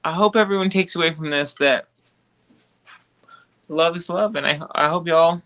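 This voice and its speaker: A woman co-hosting a casual livestream, chatty and self-deprecating in an animated way. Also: lowish voice, moderate pace. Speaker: channel co-host.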